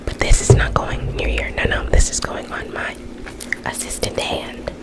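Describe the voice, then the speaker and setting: A young adult woman doing an ASMR whispered role-play as an ear cleaner, speaking in a breathy, unvoiced whisper and giving instructions with repeated phrases. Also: moderate pace. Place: small bedroom, indoors.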